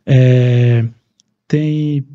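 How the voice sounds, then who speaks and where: A man from Paraguay, a Spanish speaker, chatting calmly and in a measured way as an interview guest. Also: mid-range voice, highs cut off. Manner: calm, measured speech. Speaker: podcast guest, neurosurgeon. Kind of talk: casual interview talk.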